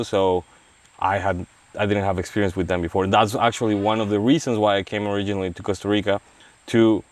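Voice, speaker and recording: A wildlife veterinarian from Mexico discusses his wildlife work in a casual interview outdoors at a rainforest release site. He speaks haltingly with many restarts and fillers, in a fairly low voice. Faint rain and forest noise can be heard.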